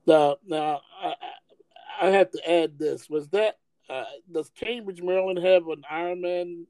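Mellow-voiced man hosting a podcast. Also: high-pitched, steady tone, unhurried, smooth, no echo, poor audio. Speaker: podcast host. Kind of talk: podcast interview.

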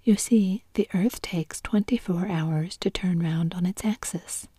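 A woman's voice: lowish voice, a little slow, dark tone, slightly rough, no echo, studio quality. A woman whispering the lines of a polite, curious young girl in a storybook. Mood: earnest. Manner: polite and earnest.

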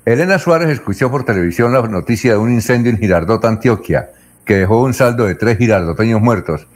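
A man's voice: lowish voice, lively intonation, quick pace. A man hosting a radio news show, reading listener questions aloud in announcer style.

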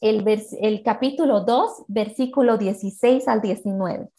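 A woman's voice: medium pitch, unhurried, dark tone. A woman teaching a Bible story as a sermon. She tells it like a storyteller, acts out quoted speech, and often checks in with tag questions.

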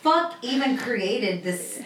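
A woman's voice: on the high side, big pitch swings, slow, a bit bright, reverberant, far from the mic. A woman in her thirties co-hosting a casual podcast, brash and joking with plenty of swearing. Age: 30s. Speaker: podcast co-host.

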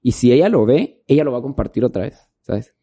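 A man's voice: medium pitch, big pitch swings, a little fast, gravelly, mellow, breathy edge. A man, a videographer, chatting casually in an interview and rambling through stories with lots of filler words. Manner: rambling storytelling, filler-heavy. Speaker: videographer guest.

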